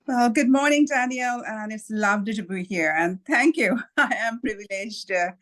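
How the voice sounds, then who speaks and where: A Sri Lankan author, interviewed as a podcast guest, tells her story thoughtfully and at a measured pace, with pauses and light laughs. Her voice is on the high side and a bit bright.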